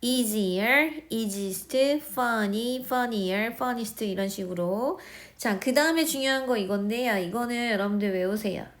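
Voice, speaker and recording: A woman teaching English grammar in a recorded lesson, speaking with a Korean accent, explaining step by step and often checking that students follow. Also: fairly high pitch. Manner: slow, explaining, repeating words and checking understanding.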